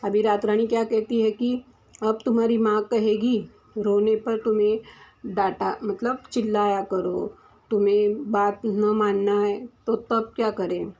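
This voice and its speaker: Slow, patient woman teacher, muffled recording. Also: medium pitch, flat delivery, mellow. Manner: reads each line slowly, then repeats and explains it with frequent restarts. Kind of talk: reading a Hindi lesson aloud and explaining it.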